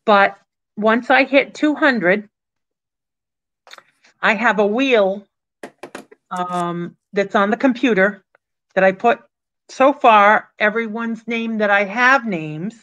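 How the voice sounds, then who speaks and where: Slow-talking older woman hosting a live stream. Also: medium pitch, a bit bright. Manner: slow, unhurried, chatty, thanking viewers by name. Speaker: live auction host. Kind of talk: casual live-stream chat. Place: small room at home, indoors. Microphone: webcam on a computer, video call. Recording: dull lo-fi webcam audio.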